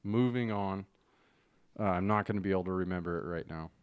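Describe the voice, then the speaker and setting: Laid-back, joking man with a low voice. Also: brisk, clear, resonant tone, no room sound. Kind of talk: casual chat.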